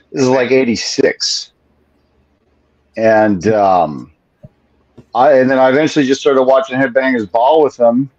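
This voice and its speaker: Speaking over a webcam from a home room with a ceiling fan, a guest drummer in his forties shares his story, relaxed and swearing a lot. Born in Venezuela and raised in Florida, he has a medium-pitched, darkish voice, recorded dry in dull, lo-fi video call audio.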